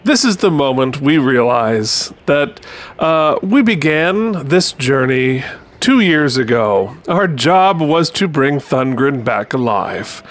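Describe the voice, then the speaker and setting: A man's voice: medium pitch, very animated, takes it slowly. A man playing a tabletop game, dry and joking. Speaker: player. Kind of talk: tabletop role-play chat.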